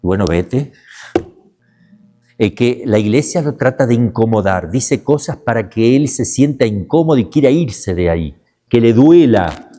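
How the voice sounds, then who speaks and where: A man, a priest, teaching a class in a lively, emphatic way, repeating words and slipping into brief mocking voices. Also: mid-range voice, a little slow, soft background music. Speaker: priest teaching a demonology course. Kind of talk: lecture class.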